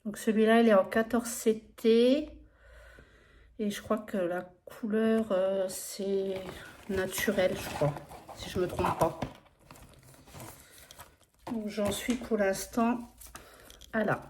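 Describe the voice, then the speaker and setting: A woman's voice: medium pitch, fairly even intonation, slow, pauses often, a little mellow, a little hiss or hum. A woman with an accent in French, casually showing her cross-stitch projects in a hesitant, chatty, apologetic way with many fillers. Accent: non-standard accent in French. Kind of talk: casual flosstube progress update.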